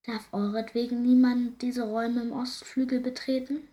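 A woman's voice: on the high side, level tone, normal speed, warm tone, lightly acted. A woman voicing a curious, timid young princess in a fairy tale, asking hesitant questions.

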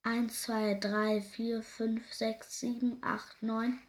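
A woman's voice: fairly high pitch, flat delivery, slow pace. A woman voicing a caring father hare who calls out in alarm. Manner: calling out in alarm.

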